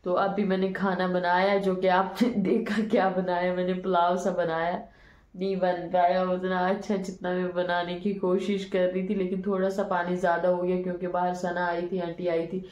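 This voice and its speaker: A young woman who sells from a street cart, chatting casually to her phone in a small room at home. She is hoarse from a cold and fever and sounds sleepy and weary as she rambles. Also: fairly low pitch, little pitch movement, normal speed, darkish tone, reverberant, muffled recording. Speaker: vlogger and street cart vendor. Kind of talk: casual vlog talk to camera. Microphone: phone held by hand.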